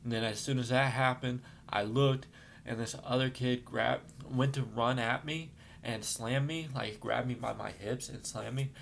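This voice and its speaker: Man of middling pitch with a gravelly edge, rambling through a shaken personal account; light background rumble. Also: unhurried. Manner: rambling, with many fillers and restarts; gets shaken and apologizes, trying to calm down. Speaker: vlogger telling his life story. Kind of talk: emotional personal storytelling.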